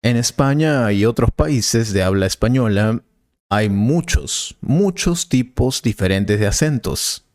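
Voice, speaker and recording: Calm male professor voiced by a man for a scripted teaching dialogue: patient, slow, dry studio read. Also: medium pitch, dry recording. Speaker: Spanish teacher.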